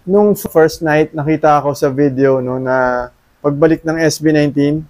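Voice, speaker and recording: A man's voice: on the high side, normal speed, darkish tone. Chatty middle-aged Filipino man vlogging. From Philippines. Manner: chatty, frequent tag questions. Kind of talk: casual recap vlog.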